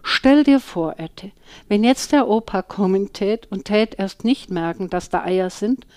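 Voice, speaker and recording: A woman voicing a small, excitable, curious boy in a storybook, high and loud with bubbling giggles. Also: measured pace, clear, resonant tone, dry recording, close to an everyday voice. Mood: giggly. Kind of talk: storybook character voice.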